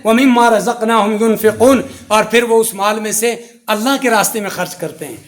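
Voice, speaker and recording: Man, middle-aged, very high voice, sermon, rhythmic repeated phrases. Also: a bit bright. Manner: rhythmic, repetitive preaching lists. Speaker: mufti preaching.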